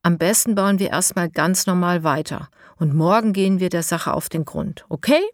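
A woman's voice: lowish voice, normal speed, no room sound, clean studio sound, natural voice. A woman voicing a bold, decisive girl in a storybook reading.

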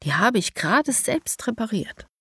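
A woman's voice: a little high, moderate pace, slightly rough, no room sound, studio quality, voice pushed up, exaggerated voice. Woman doing a curious young girl. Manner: lively, curious.

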